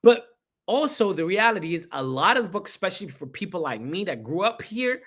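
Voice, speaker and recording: A man's voice: sits high, very animated, fairly quick, fairly bright tone. A young man, born in Ethiopia, gives a casual spoken history talk, talking conversationally and asking rhetorical questions. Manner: conversational, repeats himself, asks rhetorical questions. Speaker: history presenter.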